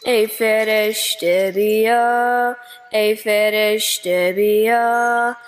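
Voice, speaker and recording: A woman's voice: fairly high pitch, fairly even intonation, lightly acted. A woman playing a brave, cheerful little girl in a children's radio play, singing and calling out in a sweet, earnest voice. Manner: sings and calls out in a sweet, earnest voice. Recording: loud music playing behind.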